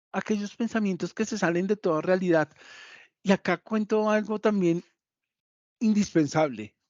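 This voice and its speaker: A man's voice: sits high, darkish tone, no echo, highs cut off. Man teaching with emphatic repetition. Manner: repeats key points for emphasis, addresses listeners directly. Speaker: psychologist giving a talk. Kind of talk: motivational lesson.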